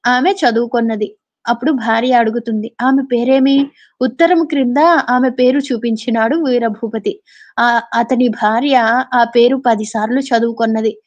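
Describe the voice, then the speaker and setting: This high-pitched, slightly mellow female voice narrates an old literary novel, stopping at times to clarify in everyday language. It's recorded in dull, lo-fi audio.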